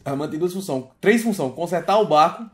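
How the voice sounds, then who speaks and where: A young Brazilian man rattles off rapid, bossy banter while gaming with his friends. His voice sits a little high for a man, and he keeps joking as he calls out orders to the crew over voice chat. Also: lively intonation. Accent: Brazilian Portuguese. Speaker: streamer playing with friends.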